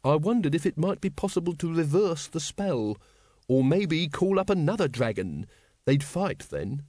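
A man reading an audiobook, voicing a nervous, scheming palace secretary in a higher, placating voice. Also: sing-song, normal speed, mellow, no room sound, studio quality.

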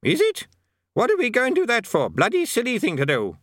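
A man doing a deaf, shouting old wizard. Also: extremely high pitch, wildly swooping pitch, fairly quick, dry recording, clean studio sound, pitched above the performer's own voice, exaggerated voice. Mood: cranky. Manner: querulous, shouting. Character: deaf cantankerous very old male archchancellor.

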